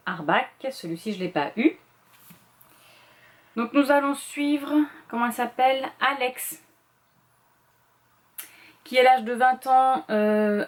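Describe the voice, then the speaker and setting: A middle-aged woman talks casually about the books she plans to read. She speaks quickly and rambles, dropping fillers and correcting herself as she goes. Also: mid-range voice. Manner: chatty, rambling with many fillers and self-corrections; quick talker, admits speaking too fast. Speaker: booktuber presenting a reading challenge list. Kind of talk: casual chat.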